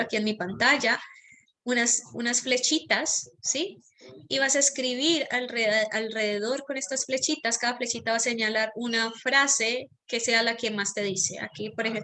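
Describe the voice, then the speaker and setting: A woman, a mentor leading an online masterclass, calmly guiding listeners through a reflection exercise and slowing down on repeated phrases. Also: a little high. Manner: calm, slows down on repeated phrases.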